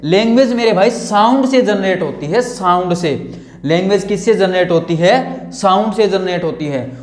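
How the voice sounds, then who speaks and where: A man's voice: high voice, moderate pace. A man teaching an English lesson in Hindi, chatty and playful, who keeps repeating points and quizzing his students. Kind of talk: informal online lesson. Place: home room recording himself on camera. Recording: echoey room.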